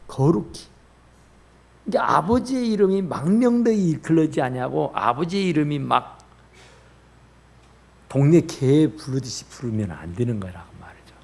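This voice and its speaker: A man's voice: on the high side, gravelly, husky. A man preaching a sermon as pastor in a church, rising in bursts and dropping to near whispers. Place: church sanctuary.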